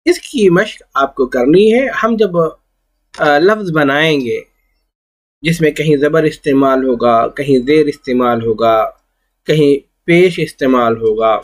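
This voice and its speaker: Male teacher, somewhat high voice, slow patient syllable drills, classroom lesson tone. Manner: repeats points in Urdu and English words. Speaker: Urdu teacher.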